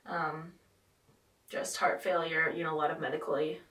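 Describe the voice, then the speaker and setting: Woman podcast host with a bright, forceful voice and a rambling, filler-heavy way of talking, recorded roomy and off-mic. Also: low-pitched, little pitch movement, moderate pace, distant mic. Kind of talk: casual podcast chat.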